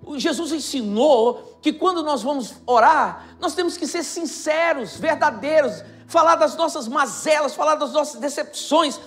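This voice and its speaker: A Brazilian man preaching a sermon as pastor, emphatic and repetitive, building to near shouts. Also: very high voice, expressive, unhurried, few pauses.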